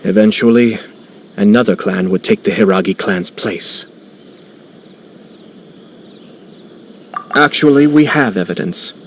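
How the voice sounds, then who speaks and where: Man acting a low-voiced, composed game strategist. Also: a little hiss or hum, close to an everyday voice. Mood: calm, analytical. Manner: measured, formal, deliberate explaining. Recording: music behind the voice.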